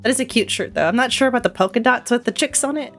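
Talking fast in a voice on the high side with a fairly bright tone, a young woman with cough-induced stuffiness gives casual let's-play commentary at home on a headset. She's a chatty, giggly streamer who reacts aloud. Soft music sits behind her.

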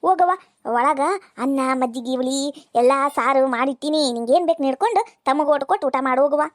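A woman's voice: sits high, fast, dry recording, voice pushed down, close to an everyday voice. Casting: cartoon stepmother from North Karnataka, sugary then spiteful, bone-dry voice, a woman doing it. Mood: coaxing. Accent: North Karnataka Kannada. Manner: sweet to the children, snarling behind their backs. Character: scheming grown woman stepmother, two-faced. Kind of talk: cartoon voice acting.

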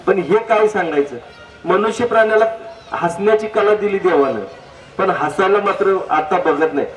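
High-voiced man joking in an echoey hall. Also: normal speed, some chatter behind. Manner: jokey, anecdotal, asks the audience direct questions. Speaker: public speaker on health. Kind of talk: humorous public talk. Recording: echoey hall, distant mic, faint noise.

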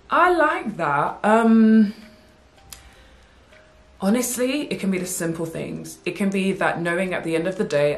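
A woman, chatting casually through a Q&A video to her viewers, playful and animated with slang asides. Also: deep voice, reverberant. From United Kingdom. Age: 20s. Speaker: YouTube vlogger. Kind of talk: casual Q&A chat to camera.

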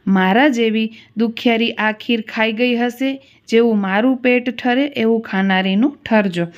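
A woman's voice: a little high, measured pace, lo-fi sound, close to an everyday voice. A woman reading the part of a young, mistreated daughter-in-law in a devotional story, pleading in sorrow. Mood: sorrowful.

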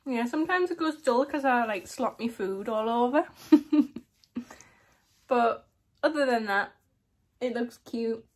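A young vlogger chats casually to camera in a small room, her slight lisp coming from a lip plate. Her voice is a little high with lively intonation, and she speaks slowly, pausing often and giggling now and then.

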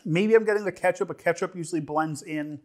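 A young man giving a casual, humorous food review on camera, rambling and halting, repeating phrases and tossing in joking asides. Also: high voice, a little mellow. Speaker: snack reviewer. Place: indoor studio set with dark curtain backdrop. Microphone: lapel mic.

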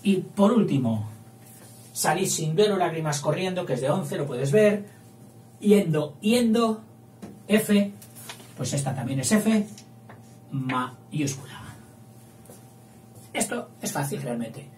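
Slow-talking male literature teacher, chatty, counting syllables aloud, heard from across an echoey room. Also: on the high side, sing-song, a little mellow. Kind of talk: explaining poetic meter at a whiteboard. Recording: roomy, distant mic, faint hum.

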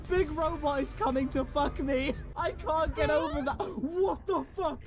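Brash woman streamer, shouty and profane, unhurried between outbursts. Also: sits high, steady tone. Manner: loud, crude, laughing, panicky outbursts. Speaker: gaming YouTuber. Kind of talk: profane gameplay commentary. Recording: game audio and music behind. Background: game music.

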